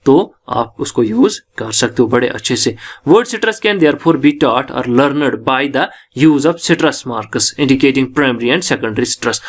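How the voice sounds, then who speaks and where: A man with a Kashmiri accent teaching an English lecture in Hindi, reading English passages slowly and then explaining them. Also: mid-range voice.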